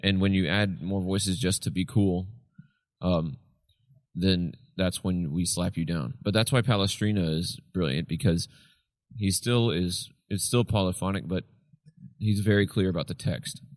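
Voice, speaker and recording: A man with a very deep, tired voice talks through an explanation in a relaxed podcast chat. The sound is dry and close, with no room echo. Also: a little slow. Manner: explains at length, sings snippets of chant to illustrate. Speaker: podcast co-host. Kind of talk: casual chat.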